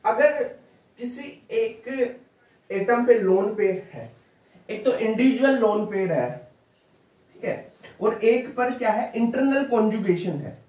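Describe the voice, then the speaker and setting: A man's voice: high voice, expressive, slow pace, long pauses, a little mellow. A man teaching chemistry for an exam, talking informally and repeating points over and over to drill them in. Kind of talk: exam-prep lecture. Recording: roomy classroom audio, mic at a distance.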